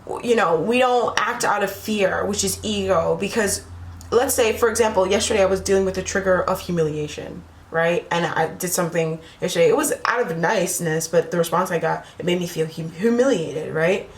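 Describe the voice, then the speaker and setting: This tarot reader has a fairly low voice and speaks fairly quickly, rambling through a casual reading for her viewers while her voice gives out. "Right?" and "you know?" come up constantly as she addresses them. Faint ambience fills the echoey room around her.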